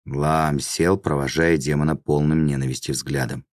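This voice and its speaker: A man narrates a fantasy tale in an extremely low, deep voice. His telling is steady and even. The sound is close and dry, with no room echo. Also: moderate pace. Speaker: audiobook narrator.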